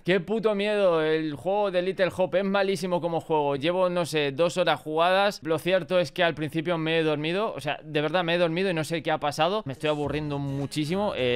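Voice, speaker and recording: A young man with a fairly high, smooth, clear voice rants about video games with quick, mock-outraged energy and plenty of swearing. Faint music plays underneath him. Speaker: gaming YouTuber. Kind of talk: casual gaming commentary to camera.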